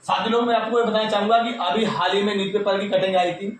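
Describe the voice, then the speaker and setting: A fast-talking YouTube exam news presenter with a high, level voice and a North Indian accent gives students an informal explanatory update. He repeats key points and addresses listeners directly, and the recording is very echoey, with a distant mic and faint noise.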